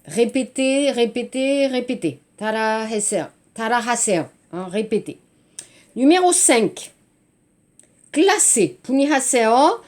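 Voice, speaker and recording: A woman teaching to Korean learners, slow and clear, often checking in with "hein" and "d'accord". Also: on the high side, expressive, a little mellow. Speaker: French teacher. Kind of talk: language lesson for Korean learners.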